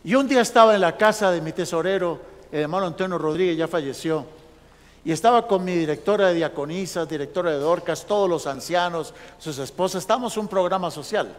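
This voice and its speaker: A male pastor telling a lively story in a sermon, acting out the dialogue of the people in it. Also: sits high, a little fast. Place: large church sanctuary. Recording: long church hall reverb.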